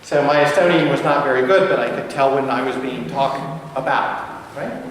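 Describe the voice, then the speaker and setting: An older American man serves as a guest lecturer in a large lecture hall, delivering a friendly, rambling academic talk full of fillers and restarts. His voice is mid-range at a normal speed, recorded from far off in the echoey hall with a little hiss or hum.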